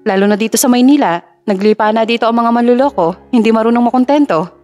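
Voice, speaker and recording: Woman as a giddy gossipy best friend, young woman, quick delivery, faint music bed. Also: a little high, a little mellow, natural voice. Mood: chatty.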